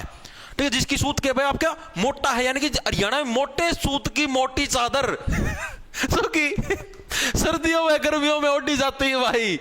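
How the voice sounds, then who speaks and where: A man's voice: very high-pitched, sharp tone. A man with a Haryanvi accent teaching a general knowledge exam class, repeating points and often asking whether the students have understood. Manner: repetitive, addresses students as bhai, checks with "theek hai"; shows cloth samples while explaining.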